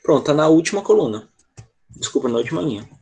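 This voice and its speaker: A man's voice: fairly high pitch, animated, fast, vocal fry, a little mellow, breathy edge. A man teaching an online English lesson to children, patient and constantly checking in with short questions. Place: online class over a video call.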